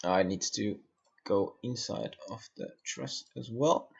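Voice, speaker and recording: A man from Austria, muttering to himself while he works through a software build on a live-stream tutorial and answering viewers' questions. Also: fairly low pitch, takes it slowly, creaky, slightly rough, lo-fi sound.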